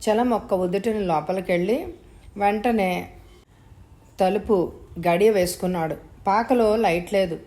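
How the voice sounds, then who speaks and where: A woman reading a story aloud as its narrator, telling it at a steady pace. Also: medium pitch, a little slow, long pauses. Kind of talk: audiobook narration.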